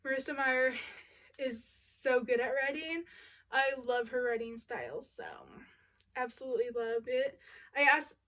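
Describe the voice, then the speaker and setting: A woman's voice: sits high, fairly even intonation, normal speed, fairly bright tone. A young woman chatting casually about books she loves, gushing and full of "like" and "y'all". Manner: gushing, uses y'all and like often. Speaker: book vlogger. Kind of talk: casual book review chat.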